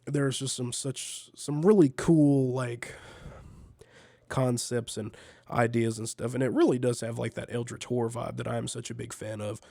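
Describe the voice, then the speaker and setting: A man's voice: mid-range voice, steady tone, moderate pace, vocal fry, mellow, dry recording, clean studio sound. A man hosting a casual solo fireside-chat podcast, talking in a laid-back, conversational way with a congested, nasal voice because he is feeling sick. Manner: laid-back, conversational, repeats words as he goes. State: under the weather, sick. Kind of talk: casual rambling fireside chat about gaming.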